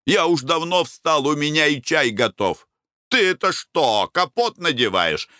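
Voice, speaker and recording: A man voicing a panicky middle-aged husband abroad, fretful and hurried, in a storybook reading. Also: fairly high pitch, very animated, bright, forceful tone, no echo, clean studio sound, pitched above the performer's own voice, full character voice. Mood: anxious, hurried.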